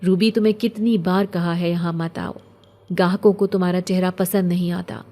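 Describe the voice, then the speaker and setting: A woman's voice: fairly low pitch, fairly even intonation, mellow, natural voice. A woman voicing a dismissive male hotel owner who talks in a curt, scolding way.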